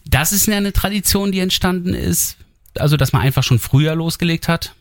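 A man's voice: on the high side, brisk, dry recording. Chatty male radio host, dry studio. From northern Germany. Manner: chatty, filler-heavy questions. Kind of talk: radio talk interview. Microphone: studio microphone.

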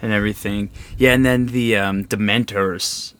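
A man's voice: on the low side, steady tone, moderate pace, a bit bright. A man hosting a podcast, chatting eagerly and laughing as he retells a day out. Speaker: podcast host. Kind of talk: casual chat.

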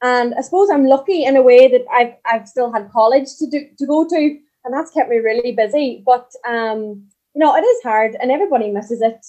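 A woman's voice: a little high, fairly quick, warm tone. A young woman with a Donegal accent from Ireland, chatting casually as a podcast guest over a remote call. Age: young adult. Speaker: podcast guest, country singer. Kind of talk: casual chat.

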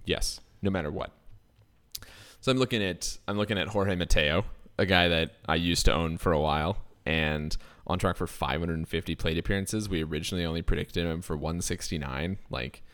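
A man co-hosting a fantasy baseball podcast in casual chat, animated and laughing often. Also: deep voice. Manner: animated, laughs often, quick bursts of enthusiasm.

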